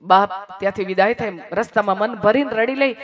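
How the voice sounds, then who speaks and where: A speaker telling an emotional moral story, swinging between hushed passages and raised, emphatic lines and repeating phrases for effect. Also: medium pitch, brisk, soft background music.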